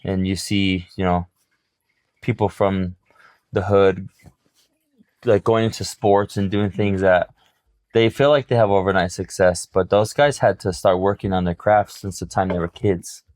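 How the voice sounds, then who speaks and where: A man's voice: sits low, fairly even intonation, a little slow, a little mellow, no room sound, clean studio sound. A middle-aged man co-hosting a podcast, talking reflectively and motivationally in casual chat. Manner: reflective, motivational, uses sports examples. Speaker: podcast co-host.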